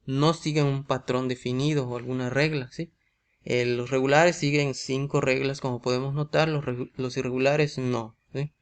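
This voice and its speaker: Male teacher with a Mexican Spanish accent, mid-pitched and gravelly, walks through rules with constant "¿sí?" check-ins. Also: fairly even intonation, moderate pace. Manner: asks rhetorical questions, often adds a tag "¿sí?". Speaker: English teacher. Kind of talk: explaining grammar in a video lesson.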